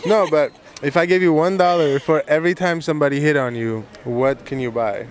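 A man's voice: on the high side, a little fast, crowd noise. A young man running a casual street interview outdoors by the beach, teasing and swearing freely.

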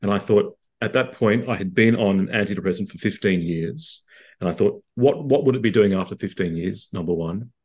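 This Australian psychiatrist in his thirties answers interview questions over a video call from a room at home. His voice is fairly low, quick, darkish and husky, and he explains things articulately, often restarting his sentences.

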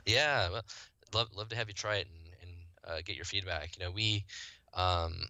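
Talking up his own product on a podcast, this Midwestern software founder is fluent, casual and enthusiastic, occasionally restarting his sentences. He speaks at a moderate pace in a low, bright, forceful voice, and there's no echo.

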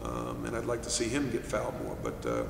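Gravelly middle-aged coach in echoey room. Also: male voice, mid-range voice, sing-song. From New York. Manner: measured, many fillers and restarts. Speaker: head basketball coach. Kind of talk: postgame press conference answers. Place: press room, seated at table. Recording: echoey room, distant mic, faint hiss.

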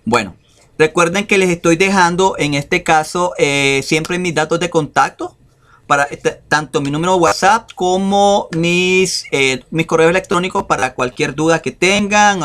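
A man teaching an English lesson in a casual video, speaking slowly and tagging his phrases with questions. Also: on the high side, a bit bright, a little hiss or hum. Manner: slow, repeats phrases and adds "verdad".

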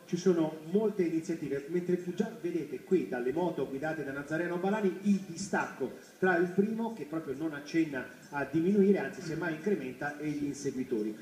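A man's voice: on the high side, darkish tone. A man commentating live on a running race and putting questions to guests as an interviewer. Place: outdoor commentary table at a sports field. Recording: very echoey, distant, crowd noise, filmed off television. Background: crowd.

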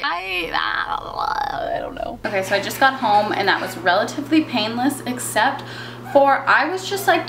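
A woman's voice: mid-range voice, slight background noise. A young woman from Canada, talking casually to camera while sitting in a parked car and rambling through her day. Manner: chatty, rambling, self-conscious asides. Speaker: vlogger. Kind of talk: casual vlog chat.

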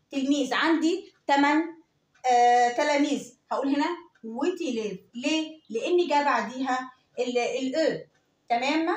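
A woman with an Egyptian Arabic accent teaching a beginners' French lesson, saying each word slowly and repeating it for the class. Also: sits high, far from the mic. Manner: slow, repetitive drilling of each word. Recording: echoey room, voice away from the mic.

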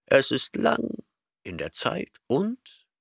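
A man's voice: medium pitch, huge pitch swings, slow pace, gravelly, no echo, clean studio sound, voice pushed up, exaggerated voice. A man reading an audiobook voices an arrogant, eccentric male professor who lectures impatiently and snorts at his listener. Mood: lecturing.

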